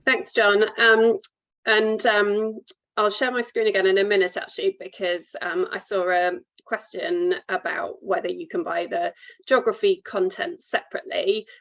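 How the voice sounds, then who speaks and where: A woman's voice: medium pitch, steady tone, moderate pace, gravelly, fairly bright tone, rough recording. A woman with a British accent presenting on an online call in a polite, businesslike conference-call manner. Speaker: webinar presenter. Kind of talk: online sales presentation with questions.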